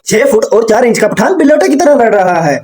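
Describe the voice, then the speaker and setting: A man's voice: very high voice, very animated, brisk, darkish tone, a little hiss or hum. A man doing a comedic roast voice-over, mocking with crude jokes. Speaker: roast commentator.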